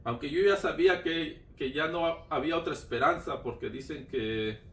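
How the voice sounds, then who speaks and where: A man's voice: on the high side, lively intonation, moderate pace, fairly bright tone. Guy telling his testimony, keeps repeating himself, all fervent, sounds far from the mic. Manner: fervent, repetitive, emphatic retelling. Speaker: guest giving testimony. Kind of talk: personal religious testimony. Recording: roomy sound from a distant mic.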